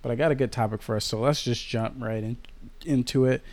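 A man's voice: mid-range voice, steady tone, brisk, darkish tone. A man co-hosting a casual podcast, joking and swearing loosely with his co-host. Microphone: home podcast mic.

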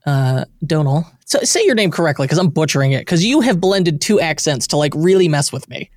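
A man with a somewhat high voice hosts an interview podcast. He talks casually and chattily, with a self-deprecating streak. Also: animated, fast, dry recording, studio quality. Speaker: podcast host.

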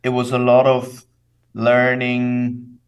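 A young Austrian man raised bilingual in German and English, a company co-founder appearing as a guest, answers interview questions casually but thoughtfully, pausing, using fillers, and restarting as he goes. His pitch is average for a man and his delivery completely flat. He's picked up from some distance off the mic on what sounds like a remote call.

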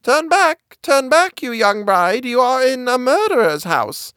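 A shrill caged bird's warning cry. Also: male voice, very animated, measured pace, bright, forceful tone, no room sound, clean studio sound, exaggerated voice. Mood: urgent warning. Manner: shrill repeated calls. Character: caged bird crying warnings.

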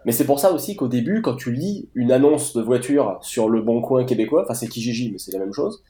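A man's voice: mid-range voice, expressive, fairly quick, warm tone, reverberant. A man from France with a French accent, chatting casually as a guest, with many fillers and restarts. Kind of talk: casual conversation.

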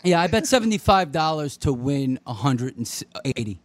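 Laid-back co-host with an expressive voice. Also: male voice, on the high side, moderate pace, no echo. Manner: laid-back, laughs often. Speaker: radio show co-host. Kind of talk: casual sports radio banter.

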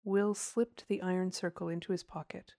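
A woman giving a measured, expressive audiobook narration of a storybook. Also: lowish voice, dry recording, clean studio sound.

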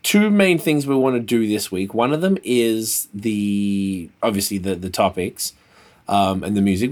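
A man chatting casually as a podcast host, laid-back, slangy and free with swearing. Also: fairly low pitch. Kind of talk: casual chat.

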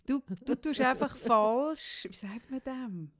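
A woman's voice: high voice, slow pace. Laughing, teasing Swiss German woman. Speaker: podcast co-host. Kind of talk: casual chat.

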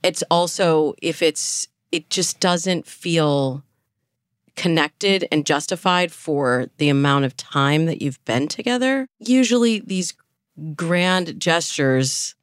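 A dating coach appearing as an interview guest gives conversational expert advice, explaining things with emphasis. Her voice is deep and she takes her time, captured in a dry, studio-quality recording.

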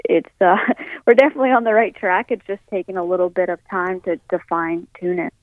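A young woman answering interview questions over the phone, halting and full of fillers, on a tinny phone line. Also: fairly low pitch, steady tone, no room sound. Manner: halting, filler-heavy speech. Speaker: racing guest.

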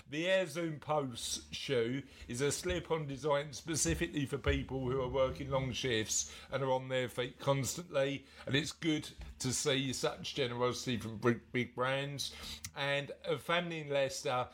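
A middle-aged man with an English accent, presenting and chatting casually as a podcast host. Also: mid-range voice.

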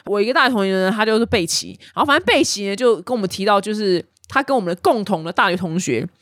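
A young adult woman, hosting a casual news chat with animated storytelling. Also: medium pitch, fast talker, no room sound, studio quality. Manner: chatty, animated storytelling with voiced quotes. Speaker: news podcast host.

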